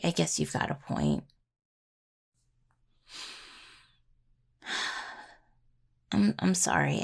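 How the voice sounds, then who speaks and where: This young woman plays a sweet, jittery student of necromantic healing in intimate roleplay audio, sounding anxious and apologetic. Her exaggerated voice sits low, creaky and gravelly, and she speaks hesitantly, casually and in a rambling way.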